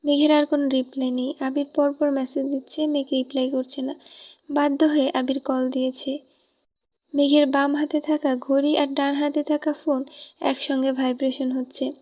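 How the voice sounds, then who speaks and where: A woman reading a romance novel aloud with steady narration. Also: high-pitched, normal speed. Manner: steady reading, even delivery. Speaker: audiobook reader. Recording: dull lo-fi recording.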